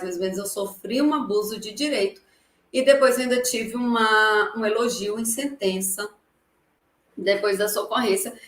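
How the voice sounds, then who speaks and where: Speaking with a Brazilian Portuguese accent and a fairly high pitch, a woman lawyer lectures live on public speaking to an audience in the room. She projects without a microphone, swinging between loud and soft for emphasis, and the recording sounds echoey, her voice reaching it from a distance.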